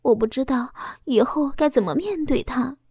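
A woman's voice: high voice, moderate pace, darkish tone, breathy edge, no echo, studio quality. A woman voicing a bashful woman near forty who speaks in a coy, girlish way. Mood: tender.

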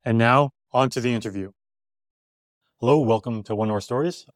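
A man hosting a podcast, reading a scripted intro and asking interview questions in a measured, upbeat way. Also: mid-range voice, no echo. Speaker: podcast host.

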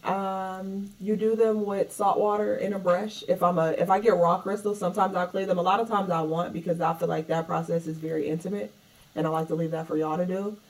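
A woman with a lowish voice, speaking loosely and expressively, swearing casually as she chats. She sits a little back from the microphone, so she sounds slightly distant. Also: fairly even intonation, brisk. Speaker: yoga instructor. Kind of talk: casual podcast chat.

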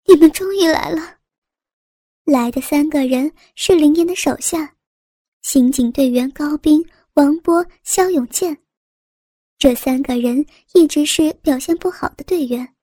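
A woman with a high voice narrates a story in an even, steady way. Her timbre is mellow and dark rather than bright. The sound is close and completely dry. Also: no echo. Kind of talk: story reading.

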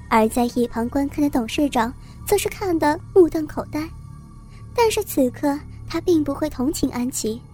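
A woman narrating a story in a steady, even storytelling voice. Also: sits high. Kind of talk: scripted narration.

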